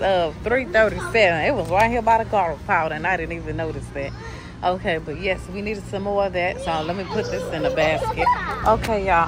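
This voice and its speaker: A woman chats casually to her viewers while she walks a supermarket with a handheld phone. She talks to the camera in a relaxed, running commentary as she shops. Store music plays clearly behind her. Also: fairly low pitch. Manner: chatty, addresses viewers as y'all. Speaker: vlogger. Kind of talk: casual grocery vlog narration. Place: supermarket aisles. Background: store background music.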